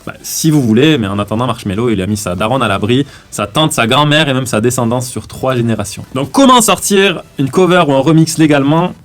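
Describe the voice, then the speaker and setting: A man with a French accent giving a casual, slangy music-marketing tutorial, often pausing with fillers while walking through an upload. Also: medium pitch. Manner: slangy, hesitant with many fillers while clicking. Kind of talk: casual screen-recorded tutorial.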